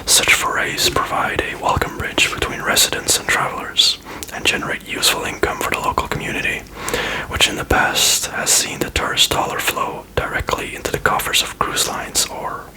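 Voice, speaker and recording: Man, breathy whisper, ASMR reading, casual asides, unvoiced delivery. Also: normal speed, poor audio. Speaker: ASMR host reading aloud.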